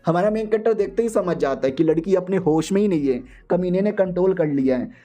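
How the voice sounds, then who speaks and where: A man recaps a comic story in a loose, joking, slang-heavy way. His voice sits high but stays mellow and soft in tone. The delivery is casual and chatty throughout. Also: animated, fast, faint music behind. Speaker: manhwa recap narrator.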